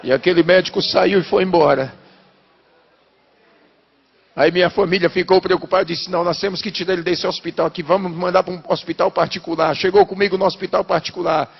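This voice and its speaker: A pastor with a husky, raspy edge tells his testimony as a sermon. His voice runs high and gravelly. It carries through a reverberant hall on a muffled, lo-fi recording. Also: steady tone, a little fast. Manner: storytelling, building to shouted fervor.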